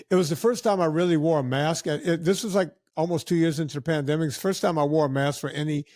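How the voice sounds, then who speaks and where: A man tells stories on a podcast in a fairly high voice and acts out the people in them as he goes. The sound is dry and close, with no room echo. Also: fast talker. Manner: animated anecdotes with acted-out quotes of other people. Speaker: podcast guest. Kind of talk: casual storytelling.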